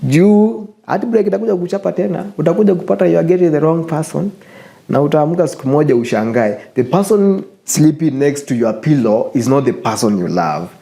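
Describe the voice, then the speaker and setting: A man's voice: on the high side, lively intonation, a little fast, creaky, mellow. A young man with a Kenyan accent hosting his show, giving casual, earnest advice to viewers, switching between English and Swahili and repeating phrases for emphasis. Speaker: show host.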